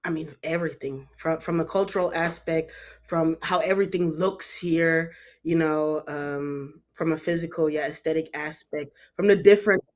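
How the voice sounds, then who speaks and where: A woman from Germany talks as a guest on a business podcast. She answers in a relaxed, conversational way, often pausing with "um" and "kinda". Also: deep voice. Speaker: company CEO, podcast guest. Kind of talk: casual interview answers.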